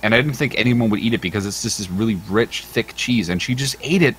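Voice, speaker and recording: A man's voice: on the low side, fast, fairly bright tone, slight background noise, rough recording. A man hosting a game livestream, telling a rambling, crude story while chatting casually. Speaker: livestream host.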